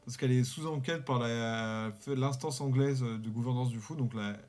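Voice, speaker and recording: A man's voice: mid-range voice, moderate pace, darkish tone. A man co-hosting a football podcast, talking casually and at length, explaining a story with the odd light joke. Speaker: podcast co-host. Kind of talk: casual sports podcast talk.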